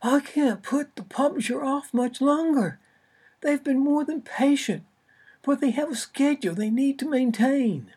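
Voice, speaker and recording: A woman voicing a loud, impatient female literary agent who pushes hard for a deadline. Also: sits high, unhurried, pitched above the performer's own voice. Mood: exasperated. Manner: blaring, pushy, impatient.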